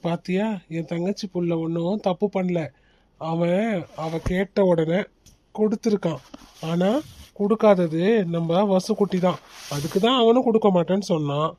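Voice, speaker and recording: A man voicing a fair-minded father who calmly reasons and lectures his family. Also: sits high, moderate pace, lightly acted. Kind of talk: cartoon voice acting.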